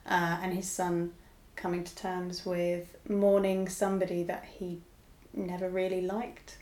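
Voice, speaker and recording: A woman's voice: on the low side, level tone, unhurried, a little mellow, echoey room. A woman who writes novels, talking casually and laughing often as she makes fun of herself. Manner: laughs often, self-deprecating. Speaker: novelist guest. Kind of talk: casual conversation.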